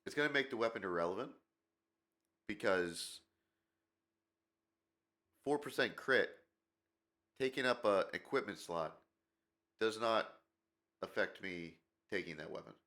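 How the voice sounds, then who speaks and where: Congested from a cold, this gaming channel host gives casual commentary, rambling with strong opinions and plenty of fillers. His voice runs on the low side, animated and unhurried with long pauses, sounding pushed and bright.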